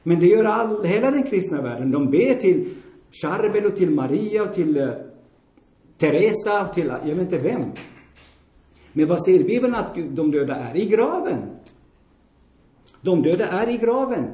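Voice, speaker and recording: A man's voice: high-pitched, mellow. A man preaching a sermon bluntly and emphatically, repeating himself for stress and putting questions to the congregation. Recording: roomy echoing hall.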